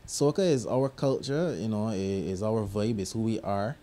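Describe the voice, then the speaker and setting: A young Barbadian man who produces music speaks in a lowish voice at a moderate pace, chatting casually about his work in an interview. He sounds relaxed and reflective, slipping into local grammar now and then, and the conversation takes place in a recording studio.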